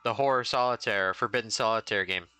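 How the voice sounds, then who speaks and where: A man's voice: fairly low pitch, quick pace, pushed and bright, smooth, soft background music. A man streaming a game in casual, rambling chat, with a noise gate chopping off the ends of his words. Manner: rambling, trails off into restarts. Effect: noise gate chopping off word endings.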